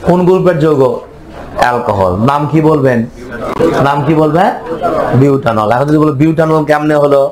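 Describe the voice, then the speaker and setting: A man's voice: fairly high pitch, brisk, pauses often, crowd noise, low-quality recording. A man teaching chemistry, quizzing his students and answering his own questions. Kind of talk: classroom lecture.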